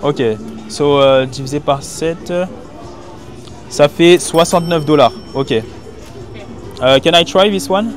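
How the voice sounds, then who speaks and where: Speaking slowly and pausing often, a man with a slightly high voice reviews market goods for his viewers. His French is informal and slangy as he thinks aloud among busy market stalls. The candid recording comes from a hidden mic on location, with music in the background.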